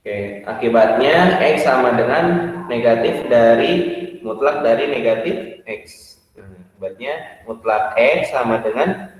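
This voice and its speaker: A man's voice: medium pitch, a little slow. A man teaching a math class, explaining step by step with many fillers and checking whether his students follow. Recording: echoey hall, far from the mic.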